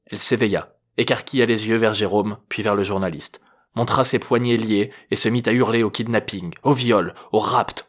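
A man narrating a novel chapter in a measured, even reading voice. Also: on the low side. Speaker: audiobook narrator. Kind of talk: scripted narration.

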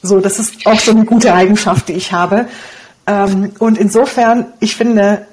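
In a relaxed interview, a guest blogger and copywriter in her forties, from Romania with Hungarian as her first language, comes across as lively and cheeky, laughing a lot. Her medium-pitched voice moves at an unhurried pace.

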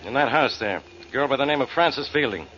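A man's voice: medium pitch, lively intonation, brisk, close to an everyday voice. A man playing a brusque, sarcastic, suspicious police inspector in a 1940s American radio drama. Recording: muffled old radio recording, hissy noise.

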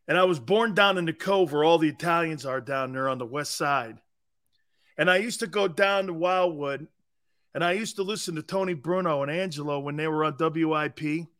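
Man, sports talk host, from Connecticut, high-pitched, blunt, speaks straight to viewers. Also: normal speed, fairly bright tone. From Connecticut, USA. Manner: blunt, direct, addresses viewers.

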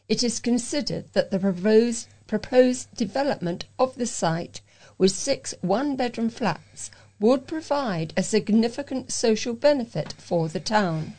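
Reading local news for a talking newspaper, a woman volunteer takes care over the text, though she sometimes stumbles on words. She speaks at a medium pitch with a darkish tone.

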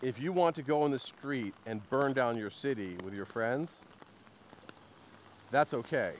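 A man riffs sarcastically through a relaxed podcast conversation, full of ums and likes. He sits at an ordinary middle pitch. A faint hiss of background noise runs under his voice. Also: a little slow. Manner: sarcastic, joking, many fillers. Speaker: podcast host. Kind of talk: casual chat.

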